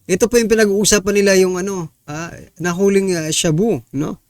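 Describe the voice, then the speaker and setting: A fairly high-pitched man reacts to the news for his viewers in a loose, conversational way. He sounds exasperated and indignant, and he keeps throwing rhetorical questions back at his audience. A faint hiss sits under his voice. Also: steady tone, fairly quick. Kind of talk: casual news commentary.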